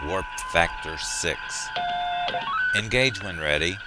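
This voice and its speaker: Man acting a deep-voiced starship captain over music. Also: animated, rough recording. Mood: brisk, commanding. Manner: measured, authoritative. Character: calm, commanding male starship captain. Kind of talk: audio drama acting.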